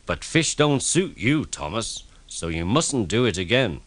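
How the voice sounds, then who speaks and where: A man's voice: on the low side, very animated, unhurried. A man playing a pompous, genially scolding older railway boss in a children's storybook. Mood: admonishing.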